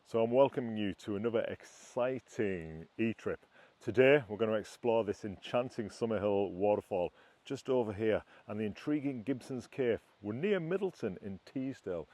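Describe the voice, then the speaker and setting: A man's voice: on the low side, expressive, moderate pace, dark tone. A man hosting a travel vlog outdoors in the countryside, talking directly to his viewers. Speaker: vlogger, YouTube host.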